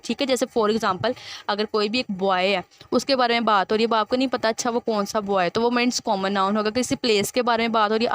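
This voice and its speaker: A woman with a fairly high voice teaches an English grammar lesson. She reads the book's text slowly and then explains it patiently. She keeps putting questions to her listener.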